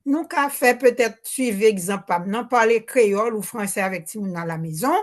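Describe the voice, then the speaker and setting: A woman's voice: fairly high pitch, moderate pace. An older woman from Haiti with a Haitian accent, speaking into a handheld microphone at a public Q&A, hesitant, restarting often and mixing Creole words into her French. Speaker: audience member asking a question. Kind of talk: spontaneous remarks at a public Q&A.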